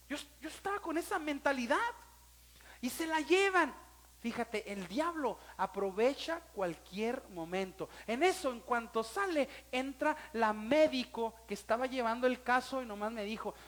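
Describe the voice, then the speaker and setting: A man's voice: very high voice, fairly bright tone. A man with a Mexican Spanish accent, a pastor giving a sermon and telling a personal story, emotional and speaking straight to his listeners.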